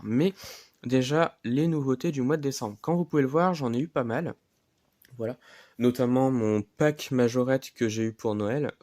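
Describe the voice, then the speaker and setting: Mellow-voiced man showing his collection. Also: mid-range voice, no room sound. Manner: halting, many fillers and "voilà". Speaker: diecast collector vlogger. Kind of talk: casual show-and-tell vlog.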